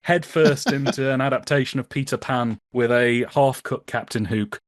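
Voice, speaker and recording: With a mid-range voice and moderate pace, this British podcast guest chats and explains in a humorous, wry style, laughing often as he goes. The sound is clean studio audio with no echo.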